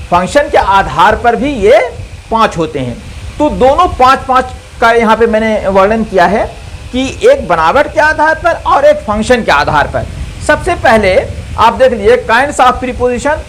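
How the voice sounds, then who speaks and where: A man giving a recorded grammar lesson as a teacher, who speaks slowly, repeats key terms, and asks and answers his own questions. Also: high voice, a little hiss or hum, poor audio. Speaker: English teacher.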